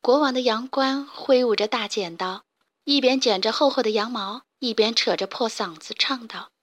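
Brief: female narrator for a kids' storybook, gentle and clear, fairly high pitch. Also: normal speed.

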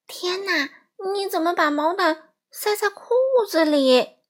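A woman's voice: high voice, animated, slow pace, fairly bright tone, heavily acted. A woman voicing a fretful, caring young mother in a storybook, fussing and soothing.

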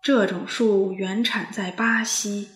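A woman's voice: medium pitch, fairly even intonation, slow pace, fairly bright tone, echoey room. A woman voicing a kindly old grandpa goat who explains things patiently in a children's story. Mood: explaining.

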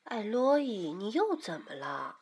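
A woman's voice: mid-range voice, very animated, a little slow, husky, full character voice. A woman voicing a loving but fierce young mother in a children's storybook, soothing at times and scolding at others. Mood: gentle. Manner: gentle and soothing, turning loud and scolding.

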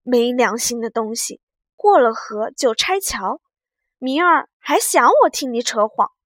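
A sly, sharp-tongued young maid from an old storybook, as a woman reads her aloud. Her voice sits a little high and moves slowly. The recording is dry and close. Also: animated, no room sound. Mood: scolding. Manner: teasing, sly. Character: clever teasing young maidservant, sharp-tongued.

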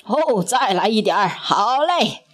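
A woman's voice: mid-range voice, very animated, a little slow. A woman doing a confident cartoon captain. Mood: commanding. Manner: commanding, upbeat. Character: brave confident male captain.

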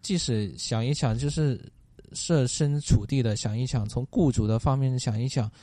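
A man's voice: medium pitch, moderate pace, dark tone, no room sound. A male guest in a talk-show interview, explaining at length in a methodical way with many fillers. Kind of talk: casual interview answers.

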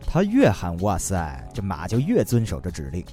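A man hosting and narrating a comic story in a lively, playful way built around punchlines. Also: on the low side, brisk, soft background music. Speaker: host and narrator.

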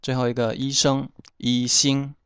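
A man teaching vocabulary, saying each word slowly and repeating it for learners. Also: medium pitch, flat delivery, a bit bright, clean tone, no echo. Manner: slow, repeats words for learners. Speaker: language teacher. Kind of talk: explaining vocabulary pronunciation.

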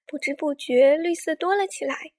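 A woman narrating a picture book for children as the show's storyteller, speaking gently and coaxing young listeners. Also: high-pitched, moderate pace. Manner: warm, coaxing tone addressing children.

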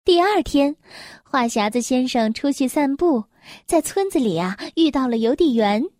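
A woman reading a children's story aloud in a gentle, expressive storytelling voice. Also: sits high, normal speed, dry recording, studio quality.

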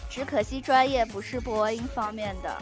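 A woman's voice: on the high side, normal speed, music in the background. A woman from Jiangsu, an online radio host, chatting casually as an interview guest with short, direct replies. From Changzhou, Jiangsu, China.

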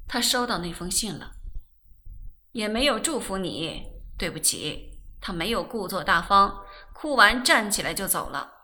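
A woman reading a novel aloud as audiobook narration, slow and expressive. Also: mid-range voice. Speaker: audiobook reader.

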